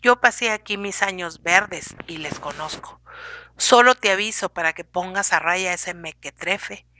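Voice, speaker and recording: A woman's voice: on the low side, unhurried, pushed and bright. A woman voicing an ailing older husband who scolds and pleads with his young wife, in an audiobook reading. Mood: lecturing. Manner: lecturing, complaining, pleading.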